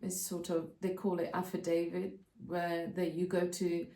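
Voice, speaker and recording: A woman, calmly explaining practical steps in a casual vlog, often pausing to think. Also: fairly low pitch, gravelly, far from the mic. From Slovakia. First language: Slovak. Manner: practical, step-by-step explaining with frequent hesitations. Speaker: co-host of a channel about moving abroad. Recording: roomy sound, voice off-mic.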